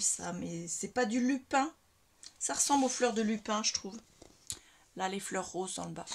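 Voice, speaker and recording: A woman's voice: lowish voice, fairly bright tone, a little hiss or hum. A woman in a casual crafting vlog, chatting at home as she shows craft items one by one, with many hesitations. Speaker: crafting vlogger. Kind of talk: casual product showcase. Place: home craft room lit by ceiling light.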